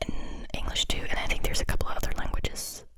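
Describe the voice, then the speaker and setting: An ASMR creator whispering trigger words over and over, with chatty asides. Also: no room sound. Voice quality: breathy unvoiced whisper. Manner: soft, slow repetitive whispering of single words; chatty asides between repetitions.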